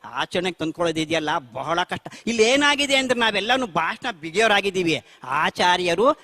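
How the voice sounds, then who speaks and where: A man's voice: high-pitched, big pitch swings, a little fast, pushed and bright. A middle-aged man gives a spiritual talk on meditation. He asks his audience questions and then answers them himself. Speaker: meditation teacher. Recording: long hall reverb.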